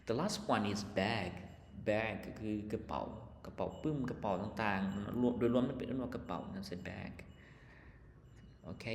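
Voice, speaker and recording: Male English teacher, Lao accent, lowish voice, patient spelling-out delivery; roomy reverberant recording with faint room noise. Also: creaky. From Laos. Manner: explains slowly, spells words letter by letter. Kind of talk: casual lesson walkthrough. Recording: echoey room with long reverb.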